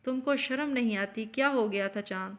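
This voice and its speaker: A woman's voice: fairly high pitch, natural voice. A woman voicing an angry, abusive older father-in-law who rebukes his son's wife. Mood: furious. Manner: furious shouting rebukes.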